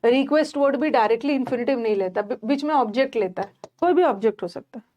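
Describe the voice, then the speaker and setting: High-pitched young woman teacher, chatty grammar class, lots of um and restarts. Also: quick pace, a little mellow, dull audio, a little hiss or hum. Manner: chatty, addresses students directly, frequent fillers and restarts. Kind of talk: online class lecture.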